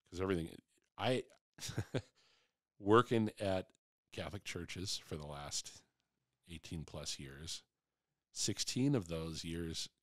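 Man, forties, deep voice, unhurried reflective casual chat, candid and rambling. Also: a bit bright, dry recording, clean studio sound.

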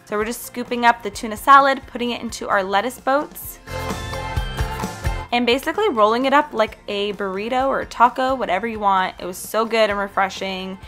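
A woman's voice: a little high, a little fast, a bit bright. A young woman from Canada narrating her food vlog in a casual, upbeat voice-over, chatting and recommending foods directly. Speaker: healthy food vlogger. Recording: faint music behind voice.

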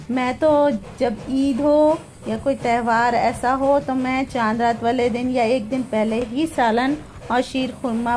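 Recording on her phone in the kitchen, a woman from Pakistan runs a home cooking channel and explains every step of the recipe with homely patience and plain language. Her voice is high and darkish in tone.

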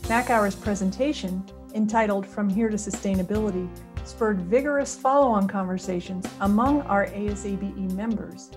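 A middle-aged woman delivers a measured, formal scripted address. She speaks to a webcam at a middle pitch, and clear music plays behind her throughout. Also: darkish tone. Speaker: society representative introducing a symposium. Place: indoors, before a virtual backdrop. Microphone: head-and-shoulders webcam framing.

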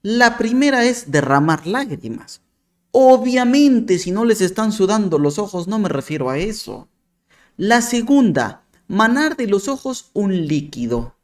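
A man's voice: sits high, big pitch swings, unhurried. A man giving sarcastic, argumentative commentary to camera as a video commentator. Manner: sarcastic, mocking.

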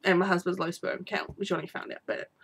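A woman's voice: on the low side, little pitch movement, fast talker, gravelly, fairly bright tone, slightly rough. A woman vlogger talking in an unedited personal video diary, teary with her voice breaking, rambling and apologetic.

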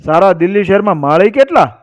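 A furious, commanding king, as a man puts him on in a told folk tale, barking orders in a raised voice. He sounds fairly high for a man. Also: very animated, quick pace, dull audio. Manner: shouting orders. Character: angry commanding male king.

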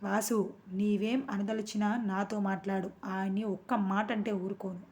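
A woman reading a story aloud, voicing an older mother who answers her son in a stern, steady, warning tone. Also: medium pitch, moderate pace, vocal fry, lightly acted. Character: firm, dignified older mother standing her ground.

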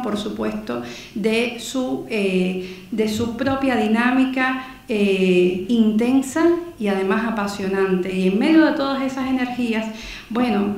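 A Cuban woman in her forties gives an earnest, measured conference talk from a panel table, partly reading aloud, with fillers and restarts. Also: medium pitch, a little mellow, recorded from a distance. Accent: Cuban Spanish. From Cuba. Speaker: conference speaker, newspaper director. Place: conference hall stage, seated at a panel table. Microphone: table microphone on a stand. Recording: echoey hall, voice from off the mic.

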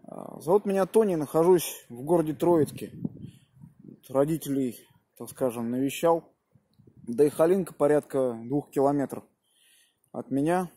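A man in his thirties, an amateur radio operator, chats and spells out call signs while outdoors in a snowy park in the evening, filmed on a phone camera held at arm's length. His voice is on the high side, mellow and slightly rough, at normal speed with frequent pauses.

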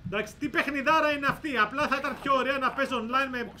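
A man gives rowdy gameplay commentary for his let's play. His voice sits very high and carries a sharp, bright edge. He swears and hurls comic threats at the enemies. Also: faint music behind.

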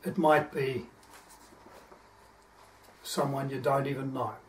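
A man's voice: medium pitch, little pitch movement, takes it slowly, a little hiss or hum. A man preaching a sermon, reading scripture aloud and stopping to explain verses in an earnest teaching manner. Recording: distant microphone.

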